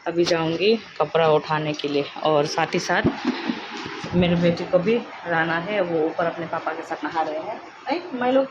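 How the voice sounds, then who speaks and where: A woman's voice: low voice, fairly even intonation, normal speed. A young woman, a stay-at-home mom, chatting casually to camera about her chores while moving around her home, mixing in English phrases. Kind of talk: casual vlog narration. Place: home, moving between rooms. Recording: dull lo-fi phone audio with clear household noise.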